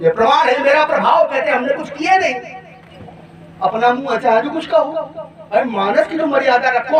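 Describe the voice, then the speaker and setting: A man playing a proud, defiant young warrior prince in a village stage debate, mocking his opponent with shouted questions and chanting verses in drawn-out lines. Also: very high voice. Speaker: Ramlila stage actor. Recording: distant echoey live stage recording with loud crowd.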